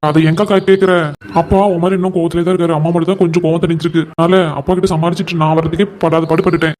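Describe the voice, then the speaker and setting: Guy doing cartoon little brother, high-ish voice, rattles off lines, cheeky and flirty. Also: flat delivery, racing, a little mellow, natural voice. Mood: chatty. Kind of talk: animated cartoon voice acting.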